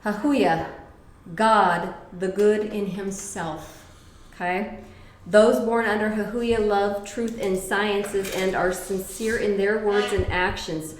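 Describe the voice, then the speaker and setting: A woman's voice: medium pitch, fairly even intonation, slow, reverberant, a little hiss or hum, low-quality recording. A middle-aged woman giving a casual tarot reading, blunt and profane, with emphatic repetitions. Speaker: tarot reader.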